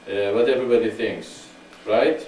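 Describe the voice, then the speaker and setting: A man with a lowish voice hosts an online spiritual gathering, talking slowly and deliberately. He sounds distant from the mic in an echoey room with a faint hiss behind him. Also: steady tone, darkish tone. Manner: slow, deliberate, repeats himself to be understood. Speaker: spiritual teacher hosting an online satsang. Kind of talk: casual online conference talk.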